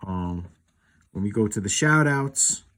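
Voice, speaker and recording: Hosting his own video, a collector makes a casual, unscripted comparison, explaining things in a loose, rambling way full of "you know." His voice is lowish and a bit bright, with lively intonation and an unhurried pace.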